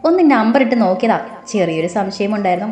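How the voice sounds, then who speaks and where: A woman voicing a calm, quietly confident young man who plays the protective big brother in an audio story. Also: mid-range voice, quick pace, lightly acted. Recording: roomy with faint music.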